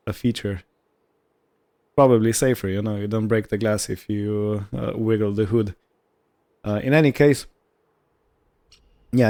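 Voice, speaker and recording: This gaming video host has a fairly low, mellow voice. He narrates his roleplay gameplay in a casual, musing way, and faint vehicle and ambient sounds can be heard behind him.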